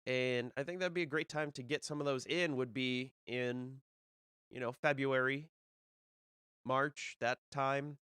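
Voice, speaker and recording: A slightly nasal man hosts a disc golf podcast alone on a casual live stream, rambling with plenty of fillers and restarts. His mid-range voice is fairly bright, clear and resonant, with fairly even intonation and an unhurried pace. The recording is dry and studio quality.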